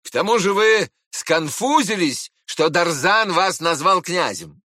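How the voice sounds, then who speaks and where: A man reading aloud and voicing an irritable, proud middle-aged prince who snaps and shouts. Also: high-pitched, lively intonation, measured pace, no room sound, studio quality, voice pushed up, heavily acted. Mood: irritated, scornful. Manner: snappish, shouting and scolding.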